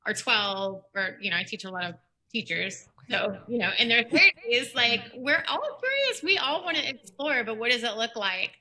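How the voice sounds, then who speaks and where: A woman's voice: fairly high pitch, sing-song, normal speed, pushed and bright. A woman who teaches teachers, talking casually with many likes and you-knows. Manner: chatty, lots of like and you know. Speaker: teacher educator, podcast guest. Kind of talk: casual conversational chat.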